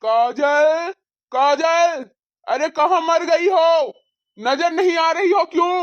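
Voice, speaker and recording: An angry, bullying husband voiced by a woman who barks harsh orders in a cartoon story. The voice sits very high. The recording is dull and lo-fi. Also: a little slow. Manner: shouting, harsh. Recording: dull lo-fi sound.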